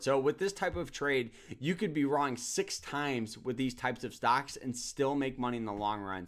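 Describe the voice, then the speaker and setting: A man's voice: mid-range voice, fairly bright tone. Upbeat man teaching swing trading. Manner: upbeat and promotional, repeats words. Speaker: trading course host. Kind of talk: screen-share trading lesson.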